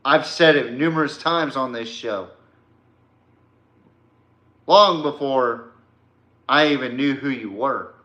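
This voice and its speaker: Speaking slowly with frequent pauses, a sports podcast host in a mid-range voice with a sharp tone launches a combative rant at a rival. His language is slangy, informal and blunt. The recording has an echoey room sound.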